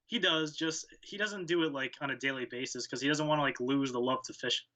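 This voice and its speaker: A young man from Connecticut answers interview questions in a laid-back, plain-spoken way. His voice sounds bright, and his answers are short and simple. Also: mid-range voice, fairly quick, low-quality recording. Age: young adult. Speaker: guest angler.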